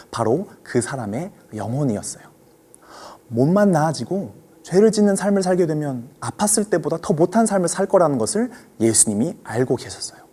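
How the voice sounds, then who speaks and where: Lively, mellow-voiced man preaching to children. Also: mid-range voice, husky. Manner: gentle storytelling, asking the children questions. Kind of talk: children's sermon.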